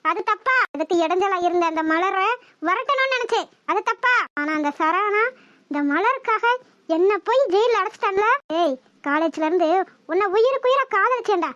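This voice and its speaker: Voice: extremely high pitch, lively intonation, moderate pace, bright, forceful tone, dry recording, dull audio, heavily acted. A voice actor playing a jealous, vengeful young woman in a cartoon, bitter and pleading by turns.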